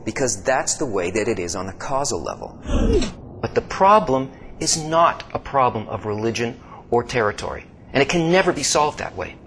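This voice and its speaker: A man giving slow, scripted documentary-style narration, swinging between hushed low passages and emphatic rises. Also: low-quality recording. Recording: steady background hiss.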